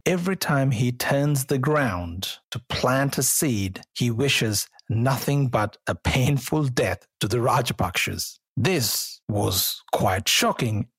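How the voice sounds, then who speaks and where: A man from Sri Lanka hosting a podcast, narrating a scripted episode in a measured, reflective way. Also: mid-range voice, slightly rough, dry recording. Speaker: podcast host.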